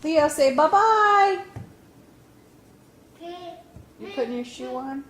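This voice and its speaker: A woman's voice: sits high, lively intonation, drawn-out words, fairly bright tone, roomy sound, a little hiss or hum. A woman filming her young children at home, alternately coaxing them in a sing-song voice and scolding them. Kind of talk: casual home video. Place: family home indoors.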